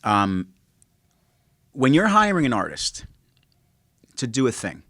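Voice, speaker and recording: A man's voice: mid-range voice, very animated, takes it slowly, fairly bright tone, dry recording. Podcast guy laying out his point, emphatic and repetitive, dry mic. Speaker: podcast co-host. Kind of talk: casual podcast chat.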